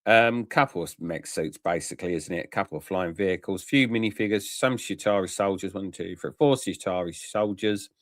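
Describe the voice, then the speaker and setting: Frank, chatty Englishman with a low voice. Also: normal speed, few pauses, no room sound, studio quality. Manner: frank and chatty, with tag questions and many "um" fillers. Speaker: toy collector reviewer. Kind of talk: casual product review.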